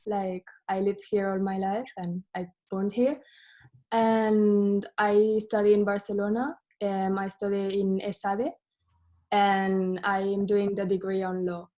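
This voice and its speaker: A woman's voice: medium pitch, flat delivery, measured pace, dark tone. A young woman from Spain, a law student, giving a brief self-introduction on a video call. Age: young adult.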